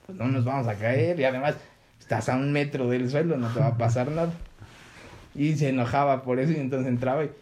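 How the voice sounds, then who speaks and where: A man's voice: medium pitch, fast, darkish tone. A young man with a Mexican Spanish accent, telling childhood stories in a casual chat and acting out the voices of people he quotes. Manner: storytelling, acts out quoted voices.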